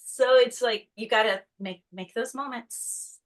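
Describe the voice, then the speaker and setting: A woman's voice: fairly high pitch, a little slow, poor audio. A woman guest from North Carolina in casual conversation, chatty, acting out quotes in a put-on voice. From North Carolina, USA.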